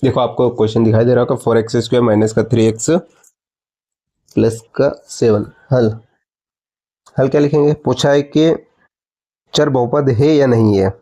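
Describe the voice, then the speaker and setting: A man's voice: mid-range voice, fairly even intonation, normal speed, pauses often, warm tone. A man teaching a maths lesson, explaining step by step and asking his students questions before answering them himself. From India.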